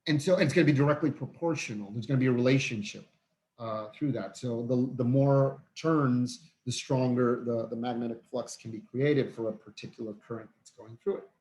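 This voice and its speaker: A tired man teaching a physics lesson in an informal, halting way, with many fillers and restarts. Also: medium pitch. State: tired, yawning. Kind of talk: recorded online lecture.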